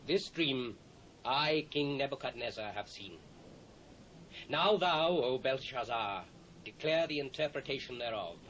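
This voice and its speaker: A proud, commanding ancient king declaims in stately scriptural drama. His voice sits at a middle pitch. The sound is a dulled cassette transfer with a faint hiss. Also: lively intonation, measured pace, fairly bright tone, dull audio. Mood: solemn, imperious. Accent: British.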